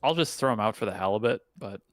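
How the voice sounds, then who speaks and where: Speaking fast and animatedly in a fairly low pitch, a man chats as a guest on a stream via group voice chat. The sound is clean, studio-like and echo-free, and he keeps restarting sentences and cracking puns.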